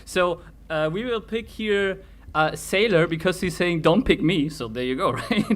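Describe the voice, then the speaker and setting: A man with a German accent co-hosting a casual livestream, thinking aloud in halting phrases and laughing often. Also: sits high, lively intonation, fairly bright tone. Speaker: co-host picking giveaway winners.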